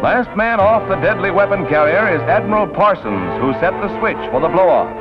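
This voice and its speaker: An American-accented man narrates a 1940s newsreel in a high voice. His scripted delivery is dramatic and emphatic. The old soundtrack is dull and lo-fi, with loud music playing behind him. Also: big pitch swings, brisk.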